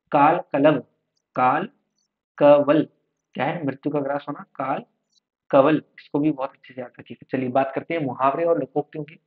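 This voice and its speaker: A slightly unwell man teaching an online exam-prep lesson, repeating each word to drill it. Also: a little high. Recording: tinny phone-like sound.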